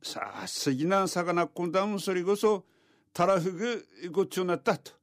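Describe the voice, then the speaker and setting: A man tells an old folktale in a thick rural Tohoku dialect of Japanese. His voice sits a little high for a man, with very little room sound. The delivery is homespun and oral, with recurring dialect endings. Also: normal speed, dry recording, clean studio sound. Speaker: folktale storyteller.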